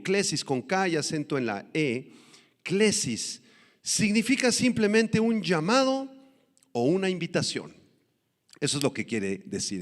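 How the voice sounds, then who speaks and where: Emphatic preaching pastor in a reverberant hall. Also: male voice, a little high. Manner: emphatic preaching, slows down to stress scripture. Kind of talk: sermon.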